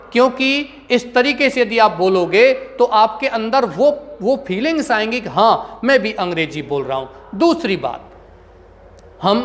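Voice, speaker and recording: A man gives a slow, unhurried English lesson, pausing over each point and quizzing his students with repeated questions. His voice rings with a long echo, as if he is recording in a bare hall. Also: very high-pitched, fairly bright tone. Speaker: English teacher.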